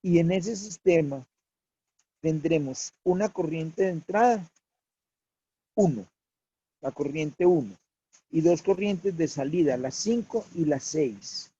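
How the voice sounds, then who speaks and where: A man's voice: on the high side, dark tone, slightly rough. Muffled man explaining a worked problem. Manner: slow, deliberate, repeats key figures. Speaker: teacher. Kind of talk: step-by-step worked-problem lecture.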